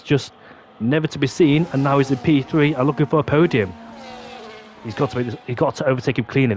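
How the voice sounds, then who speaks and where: A man with a medium-pitched voice commentates on sim motorsport. He calls the action play-by-play in an excitable manner, exclaiming at what he sees. Racing game engine noise is heard faintly but clearly behind him.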